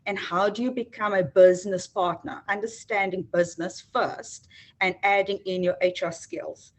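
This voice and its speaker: A South African woman, an HR executive, answering interview questions earnestly with frequent ums and restarts. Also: medium pitch. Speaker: HR executive, guest.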